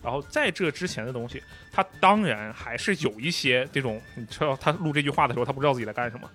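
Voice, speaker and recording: Casting: quick, mid-pitched male co-host, precise and analytical, faint music bed. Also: lively intonation, a bit bright. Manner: detailed, analytical, acts out line readings. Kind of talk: casual gaming chat.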